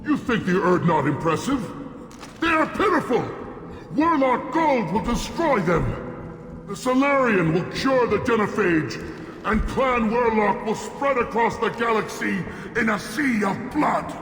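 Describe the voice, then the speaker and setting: An actor playing a boastful, vengeful alien clan warrior in a video game, with bombastic, hammy theatrical delivery. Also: male voice, high voice, big pitch swings, a little slow. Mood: furious, boastful. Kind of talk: hammy villain speech in a sci-fi video game. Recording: echoey hall reverb, game music behind.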